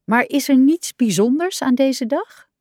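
A woman voicing a small male frog who is curious and quick to get upset, asking eager, wondering questions. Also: sits high, animated, a little mellow, dry recording, clean studio sound, pitched above the performer's own voice.

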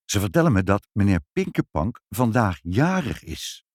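A man voicing a kindly, bustling mother in a high, brisk voice. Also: very animated, no room sound, studio quality.

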